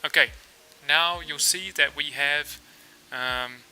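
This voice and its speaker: This slow-talking livestream host is a New Zealand man whose smooth voice sits on the higher side. He codes casually and thinks aloud with many fillers, staying relaxed throughout, though the audio is poor.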